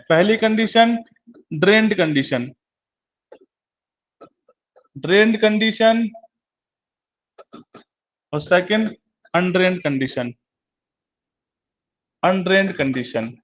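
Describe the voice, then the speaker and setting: A male lecturer giving a classroom lecture, repeating key terms slowly and asking and answering his own questions. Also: sits high. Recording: dull lo-fi recording.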